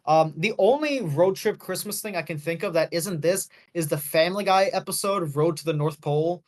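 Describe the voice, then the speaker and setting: Man, fast, slightly high voice, casual movie podcast chat, rambling, lots of fillers. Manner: rambling, heavy on fillers, self-correcting. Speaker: podcast co-host.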